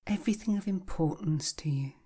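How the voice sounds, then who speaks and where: A woman guiding a hypnotic relaxation in a soft, breathy, half-whispered voice, slow and soothing like a calming countdown. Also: lowish voice. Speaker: hypnotherapy guide. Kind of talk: guided hypnosis relaxation, scripted narration.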